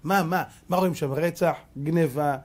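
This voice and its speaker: A man in his fifties, a rabbi giving a Torah sermon, preaching in an animated, scolding way with rhetorical questions. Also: a little high.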